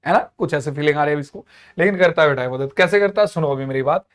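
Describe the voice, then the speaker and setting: A man's voice: a little high, quick pace. A young man teaching an exam-prep lesson, mixing Hindi and English, explaining with energy and acting out the characters.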